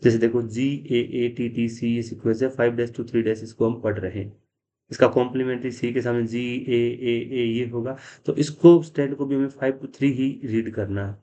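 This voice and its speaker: A man's voice: mid-range voice, steady tone, moderate pace, mellow. A man teaching a biology class. He explains step by step, asks questions and answers them himself, and mixes English science terms into his speech. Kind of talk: classroom lecture.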